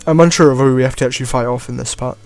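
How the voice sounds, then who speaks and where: A man's voice: medium pitch, rapid-fire. Easygoing man narrating his gameplay. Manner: relaxed, chuckling, trailing "I guess". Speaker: let's play host. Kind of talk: gameplay commentary. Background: faint game music.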